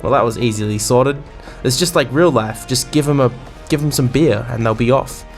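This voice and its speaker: A man's voice: medium pitch, normal speed, faint music behind. A man hosting a game walkthrough, making wry, self-deprecating asides in casual commentary. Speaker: gameplay host.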